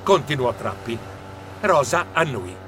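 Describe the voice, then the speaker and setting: A man narrating a children's book in a lively, theatrical way. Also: mid-range voice, a little slow, noisy background. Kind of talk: expressive audiobook narration.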